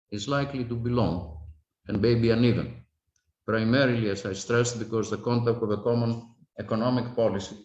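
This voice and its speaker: A man panellist giving formal prepared remarks over a video call, in a measured, deliberate way. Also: on the low side. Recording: echoey, muffled video-call audio.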